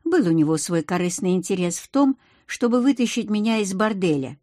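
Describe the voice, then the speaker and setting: A woman reading first-person audiobook narration in an even, measured way. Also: mid-range voice, dry recording, clean studio sound.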